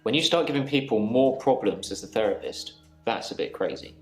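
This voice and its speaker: An actor in a live-action mystery game playing a troubled male patient who calmly recounts reliving the same day. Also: medium pitch, a little fast, lightly acted. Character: troubled male patient haunted by repeating days. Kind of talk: scripted game dialogue. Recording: roomy with game music.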